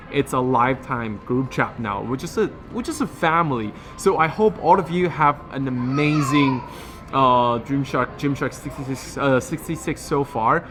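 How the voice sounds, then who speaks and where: A man giving a casual, enthusiastic fitness recap to viewers, talking in slangy phrases with a slightly swollen lip. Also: medium pitch. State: swollen lip affecting speech. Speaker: fitness challenge vlogger.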